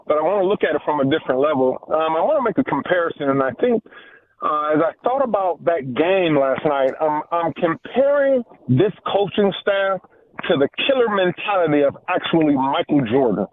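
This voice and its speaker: A man's voice: a little high, animated, fairly quick, dry recording. A man calling into a talk-radio show, heard over a muffled phone line, earnestly building his point with restarts. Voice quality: muffled, as if underwater. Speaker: radio call-in caller.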